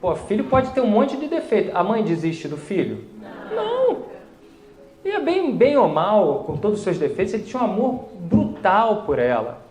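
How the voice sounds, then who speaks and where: Animated man telling a faith story. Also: normal speed, hardly any pauses, faint music behind. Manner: animated, voice rising high when excited. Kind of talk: storytelling religious testimony. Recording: echoey room.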